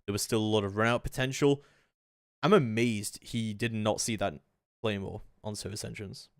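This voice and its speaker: In a dry, studio-quality recording, a man's lowish, creaky voice moves at normal speed. He's an esports caster doing analytical live play-by-play of a video game, hedging at times and surging into excited calls.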